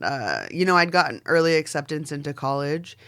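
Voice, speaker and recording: Her voice is deep and brisk, a bit bright and clean, swinging widely in pitch. She's a forties podcast guest and fashion designer from Oregon in the Pacific Northwest, talking in loose, casual chat packed with "like"s, fillers, and the odd swear word.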